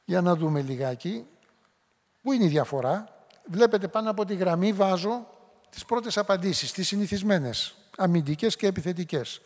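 A middle-aged man with a high voice gives a public lecture in a hall with a long reverb tail. He talks in a conversational way and slips into short quoted voices as examples. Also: lively intonation, darkish tone. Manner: conversational, acts out quoted lines.

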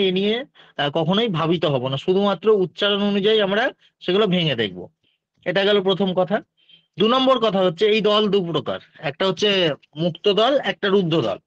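A man teaching an exam-prep lesson with a Bengali accent, his voice pitched noticeably high. He explains patiently and one step at a time. The sound is dry and a little dull and lo-fi. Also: fairly bright tone, no echo. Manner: patient, explains step by step, takes student questions.

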